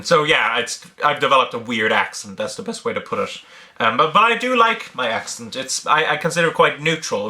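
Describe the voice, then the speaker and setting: His medium-pitched voice comes across pushed and bright. The speaker is an Irish online creator with a mixed Irish, British and American accent, responding to viewer questions casually and without a script, pausing often and filling gaps with um as he thinks aloud.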